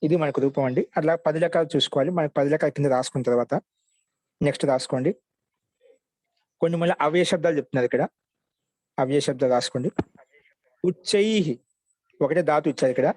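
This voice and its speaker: A male teacher giving a grammar class, patiently repeating word forms slowly so students can write them down. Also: on the high side, fairly even intonation, a little mellow, no room sound.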